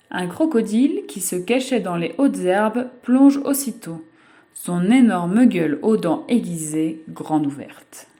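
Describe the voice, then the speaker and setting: A woman narrating a children's picture book aloud in an expressive, measured way, as the voice-over for a sign-language reading. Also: medium pitch. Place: voice-over for a video.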